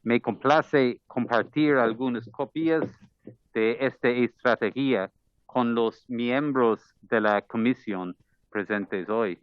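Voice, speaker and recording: Speaking slowly and clearly in a resonant, medium-pitched voice, a man from Ireland reads a formal address as an ambassador, using careful second-language Spanish with an Irish accent. The parliamentary committee room audio is dull and muffled, with no echo.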